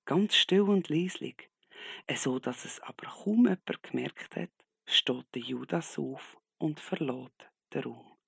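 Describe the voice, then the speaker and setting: A man telling a Bible story to children in a calm way. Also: on the high side, slow pace, creaky, breathy edge, no room sound, studio quality.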